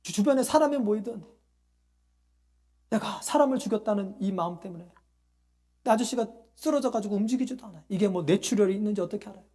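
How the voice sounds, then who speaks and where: A pastor preaches a sermon in a mellow, warm-toned voice pitched in the middle range. The delivery is emphatic, full of rhetorical questions and direct calls to the listeners. Hallelujahs punctuate the talk. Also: quick pace, pauses often.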